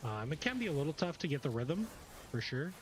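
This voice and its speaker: A man casually commenting on his own gameplay as a guide host, chatty and relaxed while he plays. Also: on the high side, brisk, a little hiss or hum.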